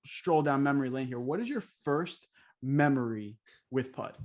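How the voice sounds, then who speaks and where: A man's voice: mid-range voice, expressive, moderate pace, a little mellow. A young man co-hosting a casual podcast, steering the chat with questions and fillers. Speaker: podcast co-host.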